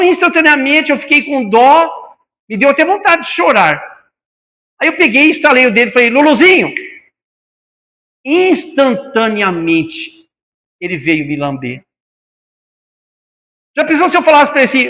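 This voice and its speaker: A man's voice: very high voice, big pitch swings, moderate pace, pauses often, sharp tone. A man with a Brazilian Portuguese accent giving a spiritist talk to an audience, calling them brothers and asking many rhetorical questions, in a meeting hall. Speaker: spiritist lecturer. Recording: long hall reverb.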